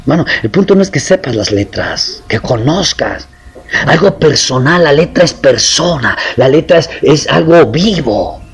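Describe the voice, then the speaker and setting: Male preacher, somewhat high, highly animated delivery, plays the doubters' voices in his sermon. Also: unhurried, gravelly, husky. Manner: swings between low murmurs and high shouted appeals; acts out quoted voices of doubting believers.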